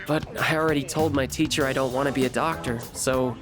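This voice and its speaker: A man's voice: medium pitch, steady tone, a little fast, close to an everyday voice. A man voicing an earnest, caring teenage boy, a student, in a video game. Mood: easygoing. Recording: game music behind the voice.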